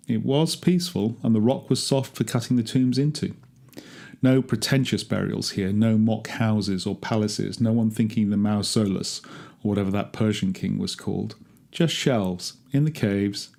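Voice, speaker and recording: Here a man with a lowish, dark voice, close to how he'd normally talk, reads a dramatic monologue aloud. He takes the part of a grumbling gardener among old tombs, wry and chatty with a dark sense of humor.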